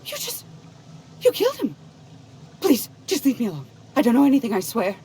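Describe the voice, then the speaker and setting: A woman's voice: a little high, lively intonation, fast, dark tone, slight background noise, natural voice. An actress playing a frightened, nervously pleading young woman in a video game. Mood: terrified, pleading. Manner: nervous, pleading, stammering informant.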